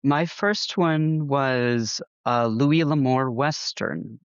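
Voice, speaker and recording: A man from Texas, an audiobook narrator, chatting in an interview with frequent pauses and fillers. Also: medium pitch, clear, resonant tone, no room sound. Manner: hesitant, many fillers. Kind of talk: casual interview chat. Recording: slightly dull, lo-fi sound.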